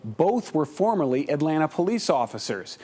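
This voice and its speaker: A man's voice: on the high side, very animated, normal speed, warm tone. A man delivering an investigative television news report in a scripted broadcast style.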